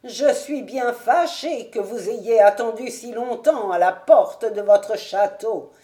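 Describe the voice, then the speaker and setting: A quavering, fretful old manservant, as a woman reader puts him on, fussing over his master in a slow, high, raised voice. His talk is drawn out and anxious, as in a storybook reading. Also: mellow. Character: trembling old male castle servant, fussy and anxious.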